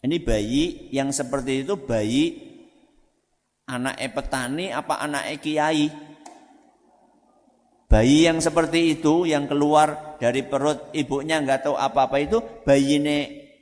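A man with a Javanese accent, an ustaz giving an animated religious talk to parents, often asking the audience rhetorical questions. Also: a little high, unhurried. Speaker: ustaz, Islamic preacher. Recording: reverberant hall.

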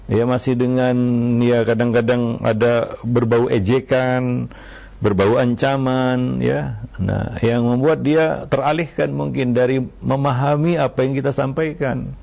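A man, an Islamic teacher giving religious advice, speaking in a measured way with many small fillers and quoting Arabic verses. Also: mid-range voice, steady tone, vocal fry, darkish tone. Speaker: Islamic teacher answering questions.

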